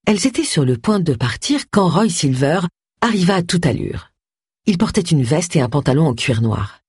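An audiobook narrator reading a novel in an expressive, varied way. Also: medium pitch, normal speed, breathy edge, no echo, clean studio sound. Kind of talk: scripted narration.

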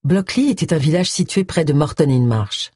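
A woman narrating an audiobook in expressive storytelling style. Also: deep voice, normal speed, husky, no room sound, clean studio sound. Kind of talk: scripted narration.

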